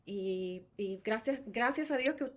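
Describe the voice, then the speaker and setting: A woman's voice: a little high, lively intonation, slow pace. A middle-aged woman from Puerto Rico with a Puerto Rican Spanish accent, giving a personal caregiver testimony with many fillers and restarts. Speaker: family caregiver speaker.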